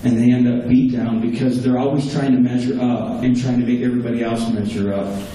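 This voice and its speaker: A man delivers a sermon as pastor of a small church at a brisk pace, his medium-pitched voice mellow and level in tone, repeating key phrases earnestly for emphasis. Taken from a distant camera at the back of the room, the audio is echoey with a faint hum.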